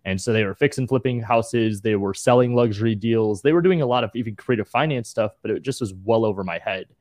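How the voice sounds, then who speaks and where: Low-voiced young man, relaxed storyteller. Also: fairly quick, no echo, studio quality. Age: 20s. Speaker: guest. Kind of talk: casual interview.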